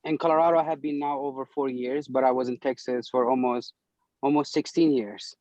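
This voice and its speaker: A man's voice: medium pitch, fairly even intonation, fairly quick, darkish tone, no echo, lo-fi sound. A man in his thirties from Turkey, a restaurant owner who talks earnestly and eagerly about his food in a casual interview.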